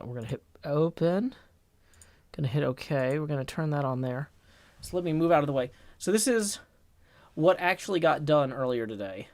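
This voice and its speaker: A man hosting a casual livestream in a raspy, strained put-on voice, chatting and reading viewer comments into a boom mic. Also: dry recording. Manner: rambling, chatty, talks to chat while working on a build. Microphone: boom microphone.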